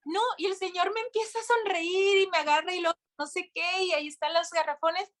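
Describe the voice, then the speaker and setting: Young woman, podcast guest, high bright voice, animated storyteller acting out quotes. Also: a little fast. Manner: animated, full of restarts and acted-out quotes. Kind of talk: casual storytelling interview.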